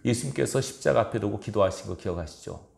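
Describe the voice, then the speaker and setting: A man's voice: on the low side, fast talker, vocal fry, darkish tone. A male pastor preaching a fervent, emphatic sermon in a church sanctuary. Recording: roomy church echo.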